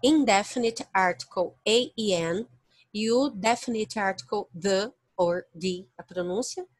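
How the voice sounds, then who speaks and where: Slow, deliberate Brazilian woman teacher. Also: mid-range voice, dry recording. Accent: Brazilian Portuguese. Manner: explains step by step, checks the class understood. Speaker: English teacher. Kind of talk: online class lecture. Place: home, online virtual class.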